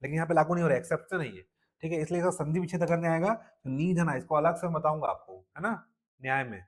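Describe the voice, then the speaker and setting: A man teaching a Hindi grammar class with a Chhattisgarhi-tinged accent, checking in often with the class and spelling words out slowly. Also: a little high. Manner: drills students with frequent "ठीक है" checks. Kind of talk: live classroom lesson.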